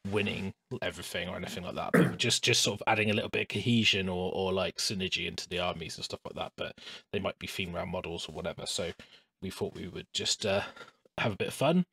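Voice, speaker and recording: A man's voice: low-pitched, fast talker, creaky, slightly rough, dry recording. A man hosting a podcast from his home hobby room, chatting casually with lots of fillers and restarts. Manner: relaxed and chatty, with frequent "um" and restarts. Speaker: podcast host.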